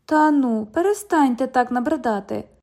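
A woman's voice: high-pitched, animated, moderate pace, a little mellow. A woman reading an audiobook, voicing a sarcastic, mocking twenty-year-old woman who works as a bank cashier. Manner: mocking, cheeky, parrots the other speaker.

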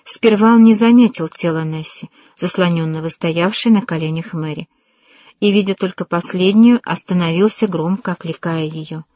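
A woman's voice: lowish voice, moderate pace, dark tone, no room sound. Woman reading a dramatic novel aloud. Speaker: audiobook narrator. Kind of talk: expressive audiobook narration.

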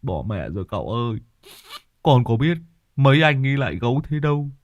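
A man voicing a brash, boastful young male driver in a storybook reading, with an excitable, stammering way of talking. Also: mid-range voice, fairly quick, dry recording, muffled recording. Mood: sheepish.

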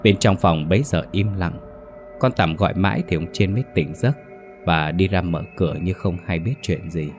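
A deep-voiced man reads a ghost story aloud in a steady, dramatic narration. Faint music plays softly beneath his voice. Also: moderate pace.

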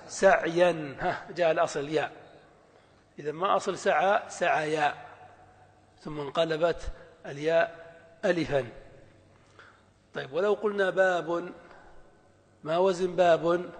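A man with a high-set voice teaches Arabic morphology. He questions his listeners and answers for them, taking on a student's objection now and then and drawing out words slowly. The recording carries a long hall reverb. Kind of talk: lecture.

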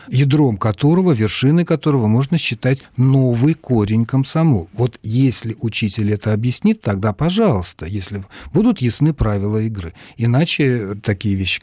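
A man on a radio talk show, explaining word structure in a measured, lecturing way. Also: mid-range voice, warm tone, no room sound. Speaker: language expert.

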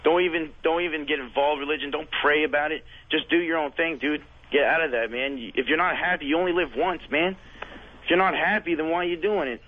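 A man's voice: a little high, fast. Blunt young man calling in by phone. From California. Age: 20s. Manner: casual, blunt, peppers talk with "dude" and "man". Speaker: caller. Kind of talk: phone-in radio call. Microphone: telephone. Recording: phone line on radio.

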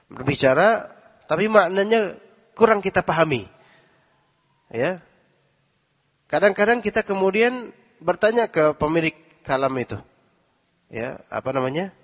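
A man teaching a religious study lesson, translating Arabic text phrase by phrase and quizzing his listeners. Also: a little high. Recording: dull recording with long hall reverb.

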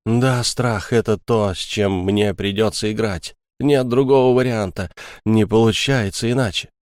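A man's voice: fairly low pitch, moderate pace, darkish tone, dry recording, clean studio sound, lightly acted. A man voicing an agitated young man, torn between fear and anger, who snaps and pushes through his words. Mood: resolute. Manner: agitated, snapping. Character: agitated young male friend, scared and angry.

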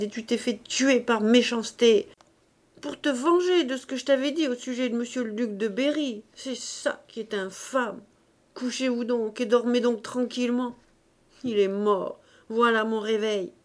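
A woman reading an audiobook voices a furious, grief-stricken grandfather near a hundred, shouting in bitter, anguished outbursts. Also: on the high side, fairly even intonation, moderate pace, pitched above the performer's own voice, natural voice.

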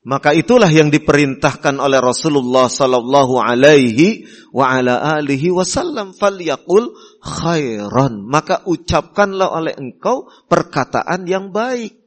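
A middle-aged man preaching a sermon, teaching slowly and deliberately with frequent "ya" fillers and soft acted-out quotes of polite hosts. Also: fairly high pitch, lively intonation. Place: Islamic boarding school hall.

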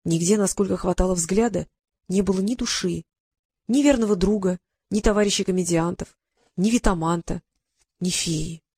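A woman reading a novel aloud as audiobook narrator, in an even, measured way. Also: medium pitch, breathy edge, no room sound, clean studio sound. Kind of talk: scripted narration.

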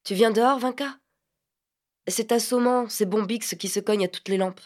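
A woman's voice: on the high side, normal speed, darkish tone, close to an everyday voice. A woman voicing an anxious, lovesick teenage boy in an audiobook, pleading and tender. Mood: coaxing.

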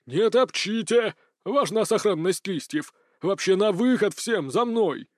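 A man's voice: on the high side, expressive, brisk, a little mellow, dry recording, natural voice. Male reader plays fussy learned expert, lecturing, bossy; dry audiobook sound. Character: learned man, fussy expert on magic herbs.

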